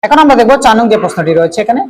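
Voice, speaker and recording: A male teacher going through exam multiple-choice questions, repeating each question and reading out the options before giving the answer, with drawn-out "uh" fillers. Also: sits high, lively intonation, a little mellow, low-quality recording.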